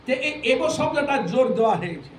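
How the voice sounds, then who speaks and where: A man's voice: extremely high pitch, lively intonation, quick pace. A man giving a devotional sermon, asking rhetorical questions, repeating phrases for emphasis and breaking into sung verses. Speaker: preacher. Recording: echoey hall, mic at a distance, faint noise.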